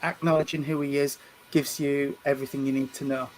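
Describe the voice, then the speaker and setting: A man, working as a medium and giving a spirit reading at a church service. He speaks gently and reassuringly, often stumbling over and repeating his words. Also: mid-range voice, flat delivery, brisk, slight background noise, low-quality recording. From England. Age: 50s. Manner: hesitant, repeats and restarts words.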